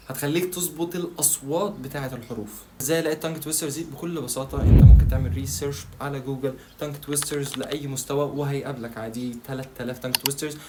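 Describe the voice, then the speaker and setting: A man with an Egyptian Arabic accent, medium in pitch, makes language-learning videos and gives a casual tutorial over a noisy background. He chats directly to the viewer, posing questions to himself and then answering them.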